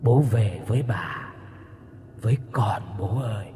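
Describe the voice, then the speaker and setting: A man voicing the ghost of a dead young boy, with a whispery, drawn-out, sing-song call. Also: fairly low pitch, warm tone, slight background noise. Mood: eerie.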